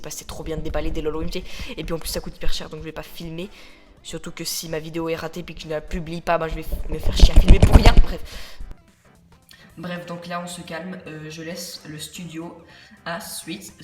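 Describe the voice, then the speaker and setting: Chatty, rambling toy reviewer on phone mic. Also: mid-range voice. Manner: rambling and chatty, often correcting itself; mixes English words into French. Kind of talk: casual unboxing-style review. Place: at home with a ring light. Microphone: phone camera.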